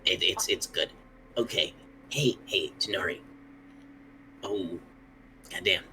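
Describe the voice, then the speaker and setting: A man playing a battered, stoic male adventurer in a tabletop game, speaking haltingly and with understatement. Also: low voice, voice pushed down. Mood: shaken, downplaying. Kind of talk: tabletop role-play in character. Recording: faint background noise.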